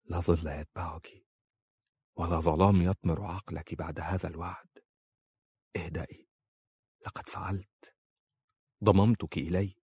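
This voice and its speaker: A man reading an audiobook and voicing a calm, devoted young man who speaks quietly and firmly. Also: sits low, normal speed, long pauses, slightly rough, no echo. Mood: soothing. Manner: quiet and firm. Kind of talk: audiobook character voice.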